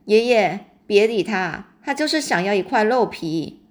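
A woman's voice: mid-range voice, animated, measured pace, lightly acted. A woman reading aloud and voicing an eager, impatient young boy in a storybook.

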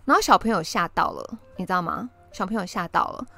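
A woman's voice: lowish voice, fast talker, gravelly, no echo, faint music behind. A woman in her thirties, a parent, telling a story casually and acting out the lines she quotes. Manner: animated, acts out quoted lines.

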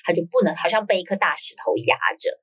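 A woman guest, an author and schoolteacher, telling a personal story in conversation, lively and full of fillers and quick "yes, yes" affirmations. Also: on the low side, a crowd in the background.

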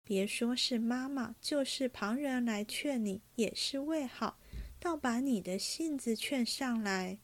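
A sensible young lady talks in a calm, coaxing, reasoning way. A woman reading the story aloud plays her. The voice is fairly high for a woman. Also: a little slow.

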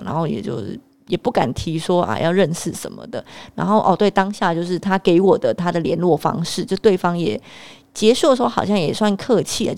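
A young woman telling a personal story to camera, animated and exasperated. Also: fairly low pitch. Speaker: vlogger.

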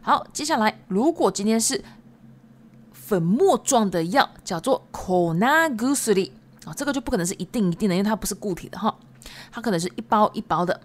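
A woman teaching Japanese vocabulary on a podcast, patiently repeating each word slowly and filling pauses with little prompts. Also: mid-range voice, animated. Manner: patient, repeats words slowly, many fillers.

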